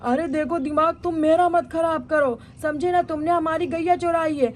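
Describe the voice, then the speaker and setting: Woman voicing a bossy village father, insistent, high-pitched voice, faint noise, doll story. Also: fairly even intonation, moderate pace. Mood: scolding. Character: village husband, worried middle-aged father.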